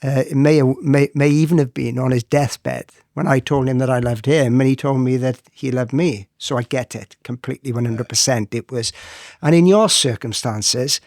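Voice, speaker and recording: A man's voice: mid-range voice, a little mellow, no room sound. A middle-aged man from the south Wales Valleys with the local accent, hosting a reflective interview. He feels his way through questions, repeating words as he goes, in a closely recorded, dry sound. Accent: Welsh Valleys. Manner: halting, tentative phrasing with repeated words. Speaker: interviewer, host.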